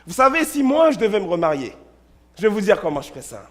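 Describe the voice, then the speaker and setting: A man, a pastor, preaching a sermon in a church, telling stories, repeating words and shifting between loud and hushed delivery. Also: sits high, sing-song, quick pace.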